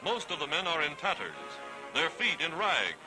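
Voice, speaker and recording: A man's voice: fairly high pitch, big pitch swings, normal speed, poor audio. A man narrating a wartime newsreel in the scripted, emphatic, declamatory announcer style of the 1940s. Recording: old 1940s newsreel soundtrack, loud music. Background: loud music score.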